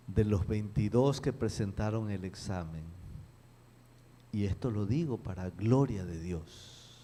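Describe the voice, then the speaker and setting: A middle-aged man, a pastor telling a story in a sermon with emphatic pauses and acted quotes. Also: on the low side, warm tone, slight background noise.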